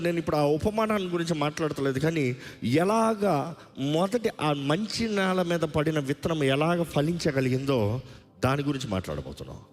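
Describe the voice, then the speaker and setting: Male pastor preaching hard, fires questions at the crowd and gets them to shout back, voice swings up and down a lot. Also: fairly high pitch, in a large hall. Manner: urges listeners with rapid rhetorical questions; calls on the congregation to respond aloud. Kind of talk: sermon.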